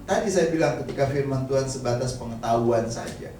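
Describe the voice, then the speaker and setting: A pastor speaks a little fast, his medium-pitched voice dark-toned, with slight background noise. The sermon in the church hall is casual and humorous, often directed at the congregation, and the mic sits far off in a very echoey space.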